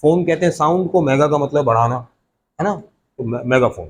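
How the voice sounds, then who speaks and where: High-voiced man teaching English. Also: a little hiss or hum, low-quality recording. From Pakistan. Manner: reads English lines slowly, then explains in Urdu with questions to students. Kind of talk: classroom lecture explaining a text line by line.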